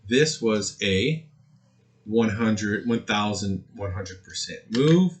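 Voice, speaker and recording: A man's voice: fairly low pitch, expressive, slow pace. A man hosting a trading channel, giving casual chart commentary in a crypto-bro manner, mixing hype with hedging.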